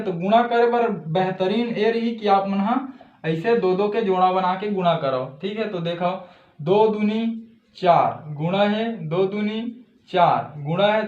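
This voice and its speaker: Chhattisgarhi guy teaching math, highish voice, patient, keeps saying ok, echoey room. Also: darkish tone. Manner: patient, repeats "theek hai" often. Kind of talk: blackboard math lesson. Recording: echoey room, dull lo-fi sound.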